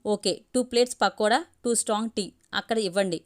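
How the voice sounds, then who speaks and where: A woman's voice: medium pitch, natural voice. A woman reading the lines of a polite, watchful young man who takes charge, in a storybook reading. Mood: courteous. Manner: courteous, brisk and in control.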